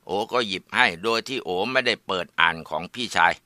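A man tells a village folk tale in a plain, steady way. His voice is low-set yet bright and tense, and the recording is dry and close. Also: fairly quick, no echo. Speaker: storyteller.

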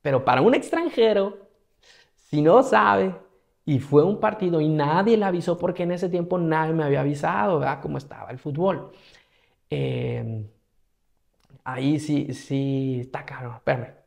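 A travel vlogger from Mexico, this man has a fairly high voice with vocal fry and speaks at normal speed in a Mexican Spanish accent. His storytelling is casual, slangy and animated as he acts out his reactions.

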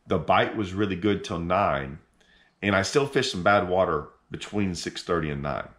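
A middle-aged man hosting a fishing channel, talking casually to camera from his living room couch, animated and full of restarts as he thinks aloud. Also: sits low, moderate pace. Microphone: camera in front at sitting distance.

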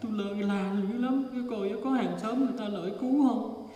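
A woman's voice: medium pitch, a little fast, warm tone, lightly acted. A woman playing the vengeful ghost of a woman in her thirties, speaking in a mournful, lamenting way. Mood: anguished. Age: 30s. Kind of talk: ghost drama acting. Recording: echoey hall from far off.

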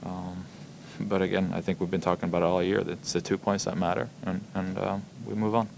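With table microphones before him and a logo backdrop behind, a young hockey player gives halting postgame answers in a press room. He sounds very low and gravelly, keeps his delivery flat, and stumbles through ums and repeated words, a faint hiss under the audio.

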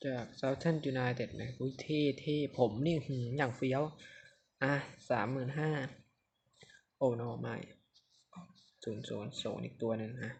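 A man's voice: mid-range voice, a little slow, creaky, long pauses, slight background noise. A young man hosting a gaming channel, chatting to viewers as he plays a football manager game and cheering at goals. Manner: chatty, talks to viewers, excited bursts at goals. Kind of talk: let's-play football manager commentary.

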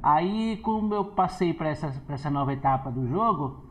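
A man with a Brazilian accent giving excitable commentary on a horror game, exclaiming and talking back to the characters on screen. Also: on the high side, moderate pace, slight background noise, poor audio. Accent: Brazilian Portuguese. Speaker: gameplay streamer.

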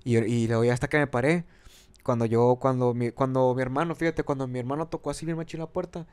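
Fast-talking young man from Monterrey. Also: medium pitch, clear, resonant tone. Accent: northern Mexican, Monterrey. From Mexico. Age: 20s. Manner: slangy, rambling, animated retelling. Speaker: podcast host. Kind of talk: casual storytelling chat.

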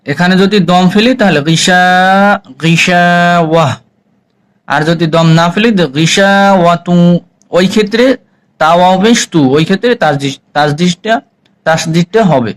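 A man teaching Quran reading, spelling out each letter and vowel slowly before chanting the joined words. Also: sits high, poor audio. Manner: slow, drawn-out syllable-by-syllable spelling and chanted recitation. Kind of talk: spelling-out recitation lesson.

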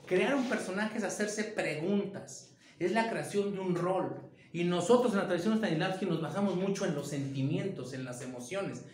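A high-voiced man gives an informal acting lesson as a theater director. He talks emphatically and keeps throwing out rhetorical questions. His voice rings a little in an echoey room. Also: moderate pace, a little hiss or hum.

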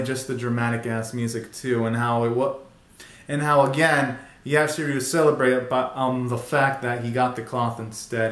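This young video host's voice is mid-range with a fairly bright tone. He gives casual reaction commentary full of slang and exclamations. It's recorded in a small bedroom with an echoey, roomy sound.

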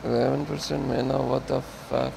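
A man's voice: mid-range voice, flat delivery, normal speed, gravelly, background noise. A man reading a text adventure aloud while playing, swearing in frustration and speaking in broken grammar. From Pakistan. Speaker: gamer and channel host.

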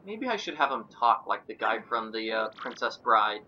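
A man's voice: fairly low pitch, very animated, normal speed, pushed and bright, muffled recording, a little hiss or hum. A man giving casual, off-the-cuff commentary as host of a video game playthrough. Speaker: let's play host.

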